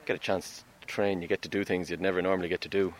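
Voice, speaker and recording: A young Irish soldier, male, answers casually in a low, flat voice. He talks quickly, with faint noise around him. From Galway, Ireland. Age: 20s. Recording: field recording with faint background noise.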